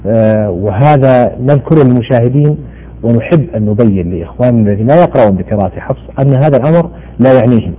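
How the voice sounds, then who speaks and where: A man's voice: medium pitch, lively intonation, fast talker, highs cut off. A man hosting a television program and interviewing a scholar, prompting him with questions and constant short affirmations. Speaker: TV program host.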